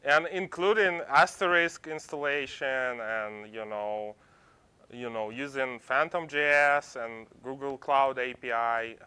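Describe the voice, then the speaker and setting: Slow, bright-voiced man presenting. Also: medium pitch, fairly even intonation, clean tone. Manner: halting, with frequent restarts. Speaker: presenter at a user group demo. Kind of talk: live tech demo talk.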